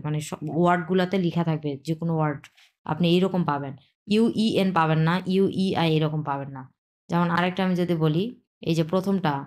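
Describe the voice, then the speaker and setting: A woman teaching a language lesson, repeating each sound slowly to model pronunciation and dropping English words into her explanations. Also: lowish voice, darkish tone. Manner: mixes English words into Bengali.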